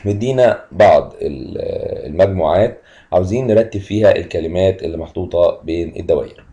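A man teaching an English lesson, mixing Egyptian Arabic explanations with English words he says slowly twice. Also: deep voice, dark tone, highs cut off. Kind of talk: vocabulary lesson, slow repeated words.

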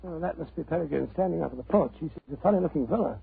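An actor playing an earnest, blustery doctor and loyal sidekick with a British accent and husky voice, in 1940s radio style. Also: male voice, a little high, rapid-fire, a crowd in the background. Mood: grumbling. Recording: muffled old radio recording.

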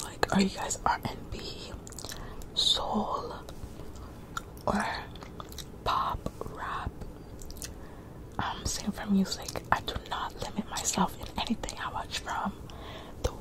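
A woman in her twenties doing laid-back, rambling ASMR chat in a breathy whisper, close to the mic, softly repeating her phrases. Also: mid-range voice, completely flat delivery, slow pace, long pauses, low-quality recording. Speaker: ASMR creator. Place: small bedroom, lying in bed. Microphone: desk condenser microphone very close to the mouth.

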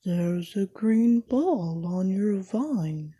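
A woman's voice: animated, drawn-out words, mellow, slightly rough, heavily acted. Woman doing Eeyore, a gloomy moaning donkey. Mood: glum. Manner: low, glum, moaning.

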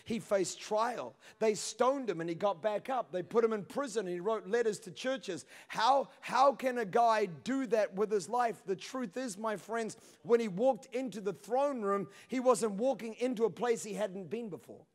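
A high-pitched man in his thirties preaches with fervour on a church stage, dropping to near-hushed phrases and then climbing to shouts. His voice rings through a long hall reverb from a handheld mic. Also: normal speed, hardly any pauses. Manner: passionate, swings between hushed and shouting. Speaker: pastor. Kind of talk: sermon.

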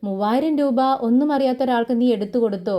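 Woman voicing caring old grandmother, fond, raised pitch, mellow. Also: quick pace, natural voice. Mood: shocked.

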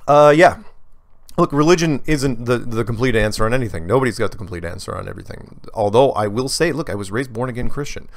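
A man's voice: medium pitch, quick pace. A man hosting a casual email Q&A, talking in conversational asides, his S sounds slightly drawn out from a bitten tongue. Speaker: host of an email Q&A show. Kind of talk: casual reading and answering of listener emails.

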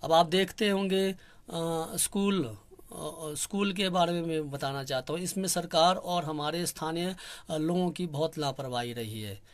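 A young man from Kinnaur, speaking earnestly in a soft, quiet voice and pausing often with fillers as he makes a public appeal. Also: a little high. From Kinnaur, Himachal Pradesh, India. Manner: earnest, complaining, many pauses and fillers. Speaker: local activist speaking on a channel.

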